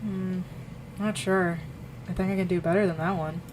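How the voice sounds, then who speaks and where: A woman voicing a calm, slightly shy young male art student in a visual novel, speaking softly and low-key. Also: moderate pace, a little hiss or hum, lightly acted, low-quality recording.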